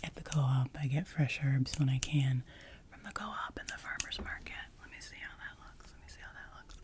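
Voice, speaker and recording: A woman doing a whispered role-play as a hairdresser in a soft, breathy ASMR whisper, soothing and gently repeating short phrases. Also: a bass voice, moderate pace. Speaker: ASMR creator playing a hairdresser.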